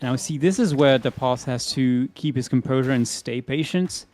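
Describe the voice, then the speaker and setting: A young man giving live commentary on a fighting game tournament, reacting quickly and laughing often. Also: medium pitch, a little mellow. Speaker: esports commentator.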